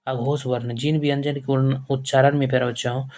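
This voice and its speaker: Man, tutor type, even, flat delivery, drills definitions by repeating them. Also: medium pitch, brisk. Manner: repetitive, keeps addressing students fondly and checking with "okay"; asks questions and answers them himself. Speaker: teacher. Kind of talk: board-exam grammar lesson.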